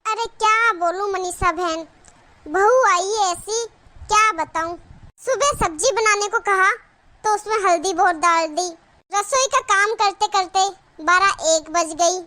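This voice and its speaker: A woman's voice: very high voice, a little slow, sharp tone, full character voice. A woman voicing a scolding, taunting middle-aged village mother-in-law in a cartoon. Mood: complaining. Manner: nagging, taunting. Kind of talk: cartoon voice acting.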